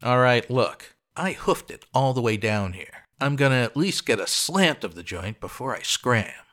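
An actor playing a brusque, skeptical old-time police lieutenant in a hardboiled detective radio drama, talking in tough period slang. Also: male voice, medium pitch, very animated, normal speed, a bit bright. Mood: impatient, dismissive.

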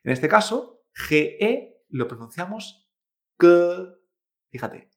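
A man's voice: on the high side, sing-song, slow pace, a bit bright. A man, a Chinese teacher, giving a pronunciation lesson, drawing out model syllables and checking in with "¿eh?". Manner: addresses the listener directly, prompting repetition.

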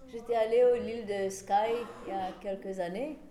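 Woman, soft dark timbre, hesitant discussion speaker who drops in English terms, roomy sound with faint noise. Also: medium pitch, steady tone, moderate pace. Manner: hesitant, searching for words, mixing in English terms. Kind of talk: informal explanation in a group discussion. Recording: echoey room, faint background noise.

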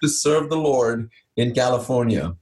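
A man's voice: medium pitch, animated, a little slow, a little mellow, slight background noise. A man co-hosting a ministry podcast from an office, upbeat and chatty. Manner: upbeat, many fillers and restarts. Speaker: podcast co-host. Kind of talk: podcast conversation. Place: office in Toronto.

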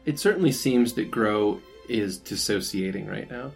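A man's voice: fairly low pitch, expressive, normal speed, creaky. A man narrating a tabletop role-playing game as game master. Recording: music playing behind the voice.

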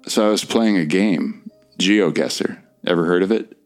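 Actor as a hesitant young man lost between worlds; deep, low register. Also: unhurried. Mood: earnest. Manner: hesitant, earnest. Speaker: voice actor in an audio drama. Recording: faint music underneath.

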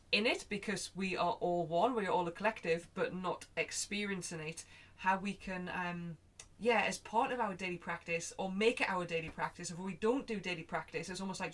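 Guest speaker: earnest woman, slightly low voice, thinks aloud on a video call. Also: a bit bright. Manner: acts out her own thoughts in quoted asides. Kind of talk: reflective conversational talk.

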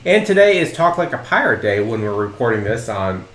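A man's voice: on the low side, very animated, fairly quick, fairly bright tone. Easygoing man hosting a podcast, echoey. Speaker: podcast host. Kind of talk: casual chat. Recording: roomy echo.

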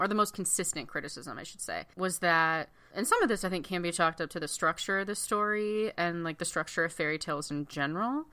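A woman co-hosting a casual film-discussion podcast, thoughtful and analytical, quick to laugh. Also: on the low side, sharp tone, smooth. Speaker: podcast co-host.

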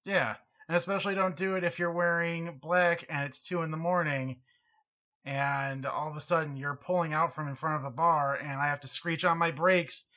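A man's voice: on the high side, fairly even intonation, moderate pace, bright, forceful tone, highs cut off. An American man co-hosting a podcast, chatting casually and comically in a wry, self-deprecating way. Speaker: podcast co-host. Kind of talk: casual comedic podcast chat.

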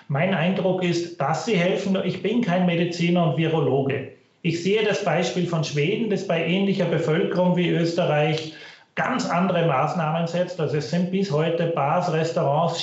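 Expert interviewee, male, careful explanatory delivery; low-quality stream, heavy room echo, muffled sound. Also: a little mellow. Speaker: guest expert, finance professor. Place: recorded remotely over online stream.

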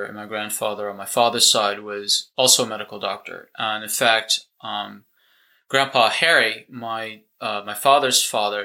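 A man's voice: fairly low pitch, sharp tone, low-quality recording. A man from the United States, a chiropractor, chatting as a podcast guest, talkative and wry, often restarting sentences. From United States, near Boston. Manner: talkative, self-correcting, wry. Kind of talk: casual podcast chat.

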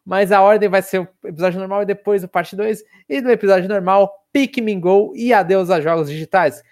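A man's voice: sits high, brisk, a little mellow. A young man with a Brazilian accent hosting a casual podcast, hesitantly repeating words as he talks. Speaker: podcast host.

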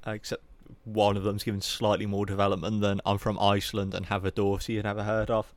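Low, smooth-voiced man chatting films. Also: monotone, fast talker. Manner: candid, rambling, swears casually. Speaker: podcast co-host. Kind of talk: casual film review chat.

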